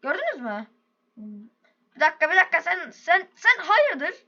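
A woman hosting a gaming video, commenting on her play with loud, excitable exclamations and rough slang. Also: very high-pitched, moderate pace, dull audio.

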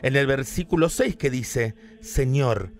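Rioplatense man, campy comic storyteller, voice that swings high and lively. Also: fairly quick. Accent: Rioplatense Spanish. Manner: flamboyant, theatrical, jumps into shrieking character voices. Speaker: radio comedian. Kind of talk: comic retelling of a Bible story.

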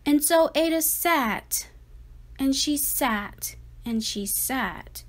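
A woman reads a children's rhyming storybook aloud in a high register, slow and expressive, with dramatic, deliberate phrasing.

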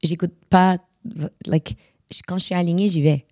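A woman's voice: on the low side, moderate pace, no echo, clean studio sound. A woman from Morocco, a coach, talking casually in an interview and dropping English words into her speech. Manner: mixes English words into French, animated. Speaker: guest speaker and coach.

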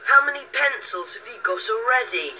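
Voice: mid-range voice, expressive, moderate pace, sharp tone, slight background noise, rough recording. An actor voicing a friendly boy in a scripted children's language-course cartoon. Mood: teasing.

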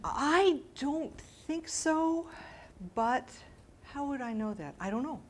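Speaking slowly in a high-pitched, expressive voice, a middle-aged woman answers questions after her scholarly talk. The setting is a bright, mid-sized library meeting room with an audience, and she is informal and hesitant, repeatedly correcting herself as she thinks aloud.

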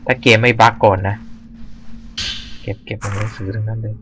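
A man casually commenting while playing a horror game, swearing freely and reacting loudly to scares. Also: fairly low pitch, level tone, brisk, noisy background. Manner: talks to himself while exploring. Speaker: gamer. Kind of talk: let's play commentary.

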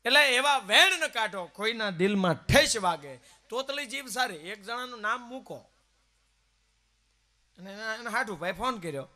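Animated man telling stage jokes. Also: sits high, moderate pace. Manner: animated comic storytelling, acting out quoted voices. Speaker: folk singer telling jokes between songs. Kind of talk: live folk stage storytelling. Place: village temple stage, live event.

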